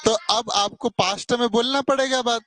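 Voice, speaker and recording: A man's voice: very high-pitched, fairly even intonation, moderate pace, fairly bright tone, a little hiss or hum. A male teacher giving a classroom grammar lesson, keeping his students engaged with frequent short tag questions and calling them "beta" affectionately. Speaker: English teacher.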